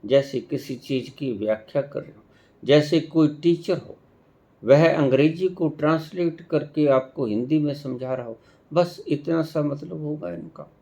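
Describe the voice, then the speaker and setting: Slow, measured spiritual teacher, man. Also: fairly high pitch, vocal fry, mellow. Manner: slow, measured delivery with long pauses and emphatic stresses. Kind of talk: devotional discourse.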